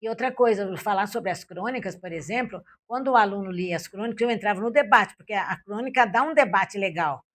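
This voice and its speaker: Older woman from Brazil, ex-principal and Portuguese teacher. Quick, lively storyteller who acts out the dialogue. Interview setting. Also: medium pitch. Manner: lively storytelling, acting out her own and pupils' lines. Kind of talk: interview, recalling classroom experiences.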